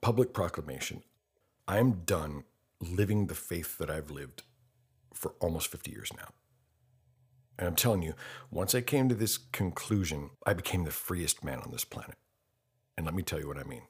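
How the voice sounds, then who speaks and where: Low-voiced man in an earnest monologue. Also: lively intonation, moderate pace, pauses often, breathy edge. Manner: earnest and blunt, with rhetorical questions and mocking quoted voices. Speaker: podcast host. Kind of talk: impassioned monologue.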